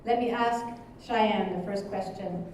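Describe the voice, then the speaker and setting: The emcee's voice is mid-range here, fairly even in intonation, measured and a little mellow as she addresses the scholarship audience from a script with asides. Projecting loudly and speaking away from a distant stage mic, she is heard in an echoey room with crowd ambience and slight background noise.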